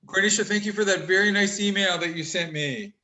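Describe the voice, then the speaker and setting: Male instructor on a video call, fairly high and bright-toned, fast and teasing. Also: poor audio. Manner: chatty, upbeat, teasing jokes; talks quickly. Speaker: college instructor. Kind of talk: casual online class over video call.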